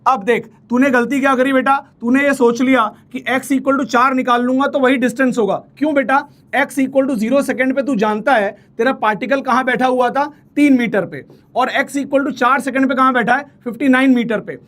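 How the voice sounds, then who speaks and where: A man's voice: very high voice, steady tone, normal speed, fairly bright tone. A man teaching physics in an online exam-prep lecture, coaxing and familiar, repeating key phrases and speaking.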